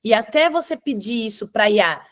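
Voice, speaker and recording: A woman's voice: fairly high pitch, lively intonation, moderate pace. A woman hosting an online webinar, explaining step by step and checking in with her listeners. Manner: explanatory, with frequent "tá?" check-ins and restarts. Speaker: webinar host.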